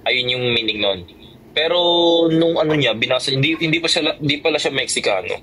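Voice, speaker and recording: A man's voice: medium pitch, lively intonation, brisk, crowd noise, low-quality recording. A man chatting casually on a livestream, defensive and insisting again and again that he is not angry.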